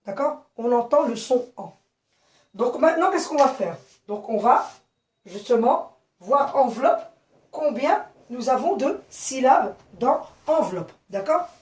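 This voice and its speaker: A woman teaching young children a phonics lesson, speaking slowly and clearly, repeating and spelling out words and often checking they follow. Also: sits high, expressive. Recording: echoey room, voice from a distance.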